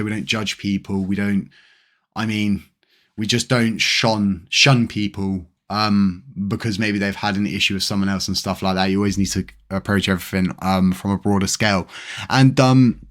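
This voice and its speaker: Low-pitched man hosting a vlog. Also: a bit bright. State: on strong painkillers. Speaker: crypto channel host. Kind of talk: casual vlog commentary to viewers.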